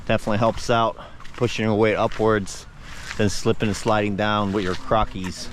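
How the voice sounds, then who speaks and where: Low-voiced joking man vlogging outdoors. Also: little pitch movement, moderate pace. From Germany. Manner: joking, slangy. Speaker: travel vlogger. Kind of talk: casual vlog commentary to viewers. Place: outdoors on a jungle waterfall trail. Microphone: action camera. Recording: outdoor action camera, noisy ambience.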